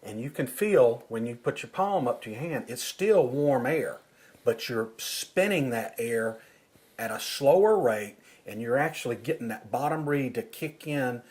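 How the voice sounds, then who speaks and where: A man's voice: mid-range voice, animated, measured pace, a little mellow. A man working as an instructor, explaining technique informally, step by step and with examples. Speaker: duck-calling instructor.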